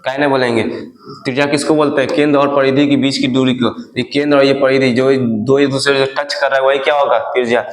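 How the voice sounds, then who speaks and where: A male math teacher speaks in a flat, even tone and keeps putting the same question to his class, then answers it himself. His voice is of middle height. The classroom is echoey. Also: medium pitch, fast talker. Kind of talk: classroom lesson.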